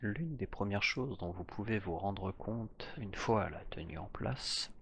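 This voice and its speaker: A man narrating a guided hypnosis journey in a soft, slow voice that drifts into whispers. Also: fairly low pitch, lively intonation, vocal fry, a little hiss or hum.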